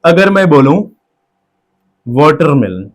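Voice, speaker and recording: Guy teaching a phonics lesson, slightly high voice, keeps saying theek hai and breaks words into sounds. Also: big pitch swings, takes it slowly. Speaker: exam-prep teacher. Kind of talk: classroom-style lecture.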